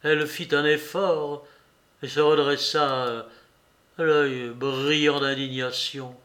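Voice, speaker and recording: A man narrating a classic novel audiobook in a measured, dramatic storytelling manner. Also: fairly high pitch, fairly even intonation, a bit bright.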